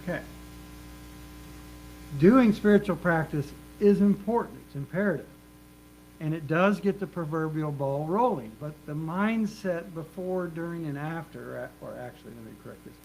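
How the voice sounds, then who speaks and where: A man delivers a sermon with earnest emphasis, building rhythm by repeating his phrases. His voice sits a little higher than most men's. A faint mains hum runs under the recording. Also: gravelly, a little mellow, rough recording. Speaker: minister.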